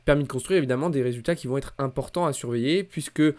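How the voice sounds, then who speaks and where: A man's voice: mid-range voice, rapid-fire, darkish tone. Man giving casual market commentary. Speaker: host of a weekly markets recap.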